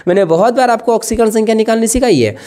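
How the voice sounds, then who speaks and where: Mellow-voiced male teacher, chatty exam lesson. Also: high-pitched, rapid-fire. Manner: conversational, asks and answers his own questions; calls listeners "bhaiya".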